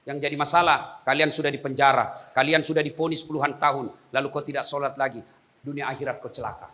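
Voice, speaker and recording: A male preacher giving a lively, humorous sermon to prison inmates, animated and emphatic, speaking bluntly and directly to his listeners. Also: mid-range voice, fast. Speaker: Islamic preacher.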